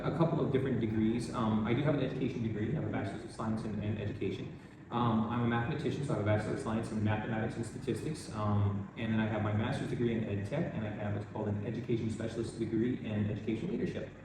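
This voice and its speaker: A man from the United States, an older math teacher, answering interview questions in a relaxed, rambling way with many restarts. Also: fairly low pitch, fast, background noise. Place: school in Vietnam. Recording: echoey room, distant mic, music behind.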